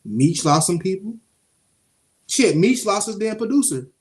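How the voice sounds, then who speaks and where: A young man, co-hosting a casual show review and telling stories in an animated, streetwise way, swearing freely. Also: high-pitched, measured pace. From Jacksonville, Florida (Duval). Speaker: podcast co-host.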